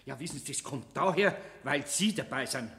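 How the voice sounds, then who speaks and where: An actor playing a flustered master carpenter, stammering in a Bavarian accent, in a radio play. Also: male voice, medium pitch, animated, fairly quick, a bit bright, big-room sound.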